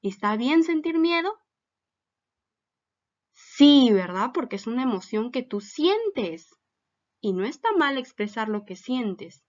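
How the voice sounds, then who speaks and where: A woman's voice: a little high, sing-song, slow, pauses often, highs cut off. A woman teacher giving a recorded lesson for children, patiently asking them many questions.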